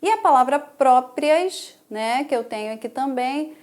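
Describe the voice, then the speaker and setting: A Brazilian woman with a high voice teaches a grammar lesson for exam candidates. She explains each step patiently and keeps checking in with her students through frequent tag questions. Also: lively intonation, measured pace, darkish tone. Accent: Brazilian Portuguese.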